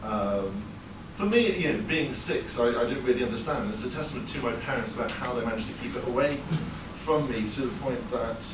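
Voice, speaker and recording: An animated man in his thirties from England races a little, barely pausing, as he tells a personal story at a performance venue. His pitch is medium and his style wry and conversational with lots of fillers. The live sound is roomy, the mic is distant, and there's background noise.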